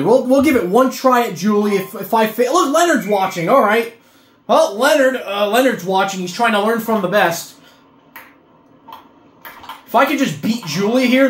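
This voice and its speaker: An excitable young man with a high-pitched voice yells and curses at a game in frustrated outbursts. He's a gaming video creator giving casual gameplay commentary, recorded in a roomy, echoing space with faint game music behind him.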